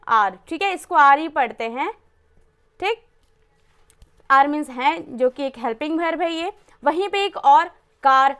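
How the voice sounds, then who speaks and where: Woman teacher, high voice, spells words out, answers her own questions. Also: bright, forceful tone. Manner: repeats rhetorical questions and answers them herself. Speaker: English teacher. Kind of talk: classroom-style lesson explaining pronunciation rules.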